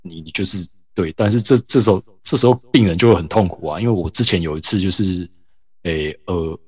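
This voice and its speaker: Man, husky, very low pitch, from Taiwan, relaxed casual chat, lots of fillers. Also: a little fast, dry recording. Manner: relaxed storytelling with many fillers. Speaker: podcast co-host.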